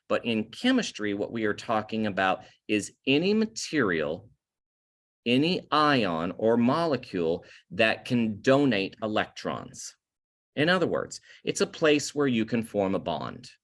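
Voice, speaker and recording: A male chemistry teacher giving a recorded lecture over slides, explaining slowly, stressing key terms and correcting himself as he goes. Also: fairly low pitch, fairly bright tone.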